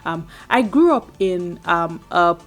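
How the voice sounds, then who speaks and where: A woman, a radio guest chatting casually and animatedly with quick asides. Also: lowish voice, expressive, faint music behind. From Nigeria. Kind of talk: casual chat.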